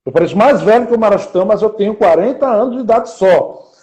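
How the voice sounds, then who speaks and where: High-voiced man, rhetorical and earnest. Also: fast, reverberant, dull audio, noisy background. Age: 40s. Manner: earnest, asks rhetorical questions. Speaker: interviewer and podcast host. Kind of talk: live-streamed interview.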